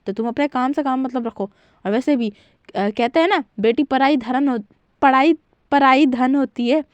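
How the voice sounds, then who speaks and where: A woman's voice: high voice, normal speed, dry recording, highs cut off, natural voice. A woman voicing a stern middle-aged mother who scolds her daughter harshly through gritted teeth. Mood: scolding.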